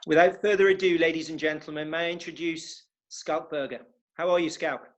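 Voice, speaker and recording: On a lo-fi recording, a West Country man with the region's accent hosts a fundraising interview evening, his fairly high voice steady and brisk. As interviewer and host, he comes across as welcoming and full of enthusiasm.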